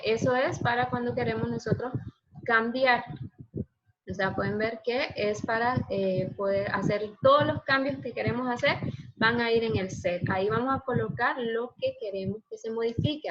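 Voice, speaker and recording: A woman teaching a programming class, patiently asking her students questions as she explains. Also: a little high. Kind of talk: online class lesson. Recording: dull lo-fi sound, faint noise.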